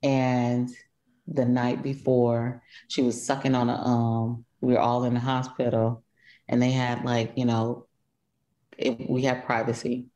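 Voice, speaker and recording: A woman's voice: rumbling low, little pitch movement, unhurried, dark tone, muffled recording. A woman guest telling a rambling family story with laughs and many fillers. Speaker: guest, older sister. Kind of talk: casual storytelling.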